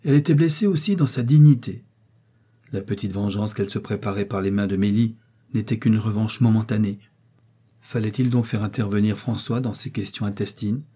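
Reading a classic novel aloud for an audiobook, this man keeps a steady, measured storytelling style. His voice is fairly low and slightly rough.

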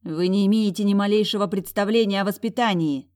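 A woman's voice: medium pitch, brisk, darkish tone, voice pushed up, natural voice. A woman voicing a blunt, angry young peasant woman in a storybook, with a fierce, growling delivery. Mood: furious.

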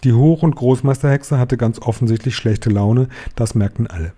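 A man calmly reading a children's novel aloud as first-person narrator. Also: medium pitch, moderate pace. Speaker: reader.

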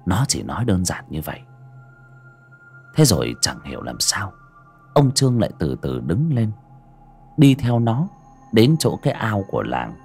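A man's voice: huge pitch swings, normal speed, gravelly, pauses often, darkish tone, breathy edge, faint music behind. A man narrating a horror audiobook with dramatic, suspenseful delivery. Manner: dramatic, swinging pitch for suspense. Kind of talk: scripted horror story narration.

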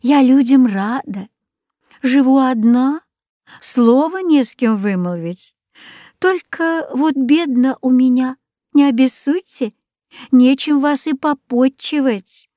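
A woman's voice: high-pitched, slow pace, mellow, no echo, clean studio sound, pitched above the performer's own voice. A woman voicing a kindly, poor, half-blind old village woman who talks in a homely, fussing way.

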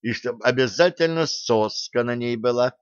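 A young elf woman, played by a man narrating, languid and sly as she schemes. The voice stays smooth and clear at a middle pitch. The recording is dry and slightly dull. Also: normal speed, dry recording, close to an everyday voice. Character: dreamy young female elf, mistress of the cat.

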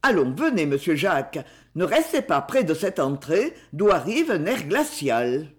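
A man reading as Bill, a gruff suspicious man. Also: fairly high pitch, big pitch swings, unhurried. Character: blunt, suspicious rough man, colloquial.

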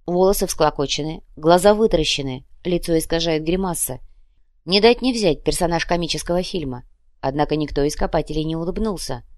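A woman reading a tense audiobook in a measured way. Her voice sits low, and the recording is dry, with no room sound. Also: darkish tone, no echo. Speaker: audiobook narrator. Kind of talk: dramatic audiobook narration.

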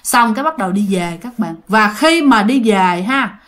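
With a Southern Vietnamese accent, a woman tells a ghost story in a chatty manner, addressing her listeners directly. Her voice is medium-pitched, animated and a bit bright, at a moderate pace.

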